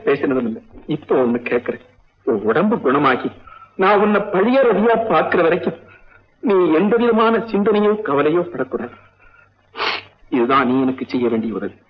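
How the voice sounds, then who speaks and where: Fatherly elder in an old film, calming a troubled young man in a high, very lively voice. The sound is dull and lo-fi, with a faint hiss of ambience. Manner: gentle, soothing, fatherly. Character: kindly, calm elder of the house.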